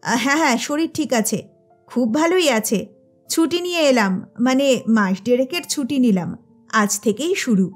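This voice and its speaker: A woman's voice: fairly high pitch, animated, moderate pace, husky, faint music behind. A woman voicing a grown son who talks hurriedly and awkwardly, saying more than he needs to.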